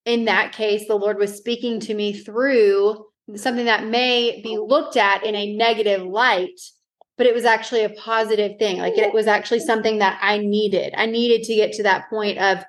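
A woman's voice: medium pitch, steady tone, moderate pace. A young woman co-hosting a podcast, sharing faith stories in earnest casual chat with many "like" fillers. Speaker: podcast co-host.

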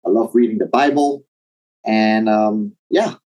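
A middle-aged man with a somewhat low voice gives an interview. He speaks in a measured, reflective way and pauses on small fillers. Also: dark tone, low-quality recording. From Taiwan, raised in Indonesia. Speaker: guest. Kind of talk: interview, personal background.

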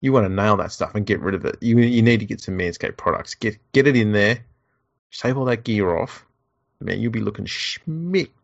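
Man, laconic Australian drawl, slangy, lowish pitch, casual podcast co-host, slightly muffled lo-fi recording. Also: expressive, normal speed, gravelly.

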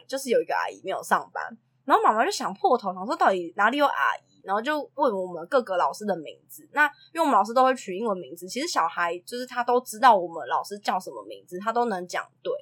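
A woman tells anecdotes in a casual chat. Her voice sits a little high and swoops a lot as she acts out the quotes. She laughs often between lines. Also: a bit bright. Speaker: preschool teacher and podcast co-host.

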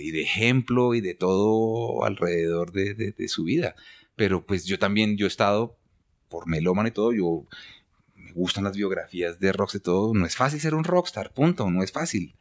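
A Colombian man with a Colombian accent, speaking as a guest photographer in a casual interview. He talks with passion and firm opinions and often restarts his sentences. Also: deep voice.

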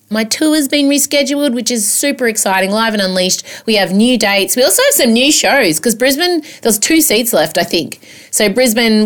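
An Australian woman hosting a comedic podcast as a chatty monologue, campy, theatrical and self-mocking, with the odd swear word. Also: medium pitch.

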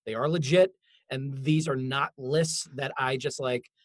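A man talks casually in an informal, rambling way, like an author chatting about his work. His voice sits at a medium pitch. He is a little self-deprecating, and the sound is dry. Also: fairly even intonation, unhurried, no room sound. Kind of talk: casual conversation.

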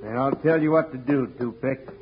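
An actor playing a gruff, scheming outlaw boss in an old radio western. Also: male voice, mid-range voice, a little fast, lightly acted. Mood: sly. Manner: gruff, bossy. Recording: noisy, muffled old radio recording.

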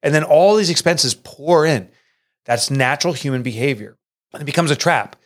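A middle-aged author and entrepreneur tells a personal story in an interview, earnest and emotional, with his pitch jumping up whenever he quotes people. He's animated and speaks at a moderate pace.

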